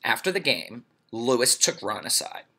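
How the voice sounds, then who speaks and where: A man reading a children's storybook aloud in a playful, expressive way. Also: medium pitch, measured pace, gravelly, slightly rough. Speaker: reader.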